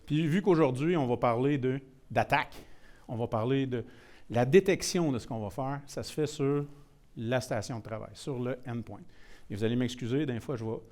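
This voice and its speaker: A man's voice: medium pitch, moderate pace, darkish tone. Québécois man giving a casual tech talk. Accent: Québécois French. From Quebec. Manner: casual, self-deprecating, many restarts and English words. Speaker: presenter. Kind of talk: technical workshop talk.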